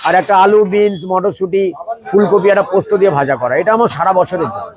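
A man's voice: high voice, fast talker. A middle-aged man runs a street food stall and chats effusively with customers. He is devout, chanting praises and rattling off his dishes. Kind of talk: casual chat while serving customers. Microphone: vlogger's handheld camera. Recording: noisy street crowd behind. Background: crowd chatter.

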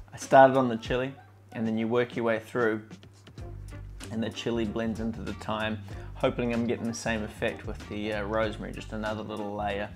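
A man hosting a casual cooking vlog, tasting dishes and talking with relaxed enthusiasm and plenty of fillers. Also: fairly low pitch. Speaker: cooking channel host.

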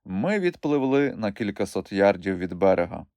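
Male narrator, first-person audiobook, animated delivery, mid pitch, dry recording. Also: moderate pace, smooth, no echo. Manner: animated, expressive reading.

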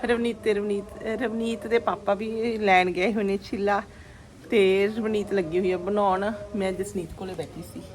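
A Punjabi woman with a mid-pitched voice narrates her everyday home vlog. She is chatty and homely, tagging phrases with small questions. The recording has clear kitchen and household noise behind her. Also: steady tone, normal speed. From Punjab, India. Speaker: family vlogger.

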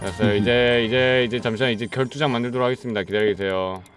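A man hosting a gaming stream, commenting loudly and excitedly and yelling at his friends as they play. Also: medium pitch, fast, soft background music. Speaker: streamer host.

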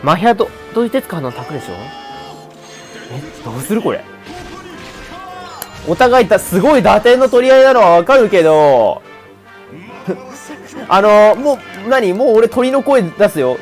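A man giving excited, shouty commentary on a video game he is playing. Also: high voice, normal speed, long pauses. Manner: loud excitable outbursts and yelps. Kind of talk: excited let's-play commentary. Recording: faint background music.

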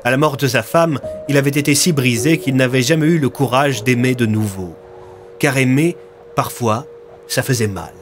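A man reading a dramatic audio story in a steady, expressive voice. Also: medium pitch, moderate pace. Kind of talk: scripted dramatic narration. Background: faint music.

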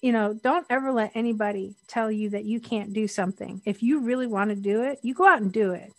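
A middle-aged woman talks openly as a podcast guest. Her voice sits a little high and the sound is dry and close. She speaks frankly and laughs easily. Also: fairly quick, no echo. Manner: candid and animated, laughs often. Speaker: interview guest. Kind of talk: casual podcast interview.

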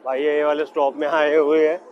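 Filming on his phone in a jammed general coach and on station platforms, a young travel vlogger keeps up an excited, loud running commentary for viewers he calls guys. His highish voice moves a little fast with highs cut off, while train noise and a packed crowd's loud chatter surround him.

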